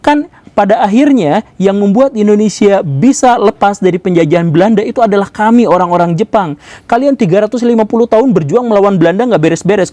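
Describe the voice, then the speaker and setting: A boastful, indignant Japanese man, put on by a male storyteller, lectures and scolds in a fairly high, dry voice. He piles up rhetorical questions and speaks with argumentative certainty. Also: a little mellow, no echo, close to an everyday voice.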